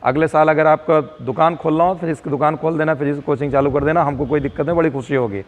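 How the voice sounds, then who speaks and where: A man's voice: fairly high pitch, fairly even intonation, fast, big-room sound, narrow, tinny audio. A man, a physics teacher lecturing students on camera, urging and scolding them to prepare for tests. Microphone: camera mic.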